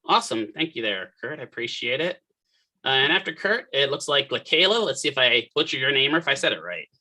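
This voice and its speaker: This is a man leading a student orientation over a video call. His voice is bright and ringing, and he keeps things moving with short, upbeat thanks. His pitch sits in a middle range. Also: big pitch swings, fairly quick. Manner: upbeat, brief thank-yous between speakers. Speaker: program instructor hosting orientation. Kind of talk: casual meeting facilitation.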